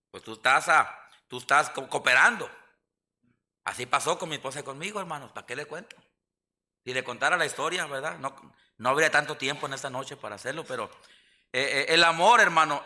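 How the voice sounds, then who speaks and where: Mexican man, pastor, church sermon; very bright tone, folksy and joking, calls for amens. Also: a little high. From southern Mexico.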